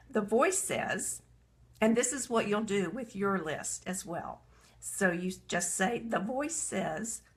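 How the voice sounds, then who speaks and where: Speaking at a medium pitch in a live video talk, a woman coaches women entrepreneurs. Earnest and self-reflective, she guides listeners through a writing exercise, reading aloud from her journal.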